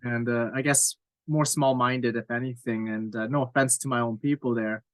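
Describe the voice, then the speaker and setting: A man's voice: medium pitch, steady tone, moderate pace, dry recording, rough recording. A man in his thirties from Cape Breton Island, telling his story as a podcast guest in a candid, rambling, self-deprecating way with plenty of fillers. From Cape Breton Island, Nova Scotia, Canada. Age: 30s. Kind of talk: casual interview chat.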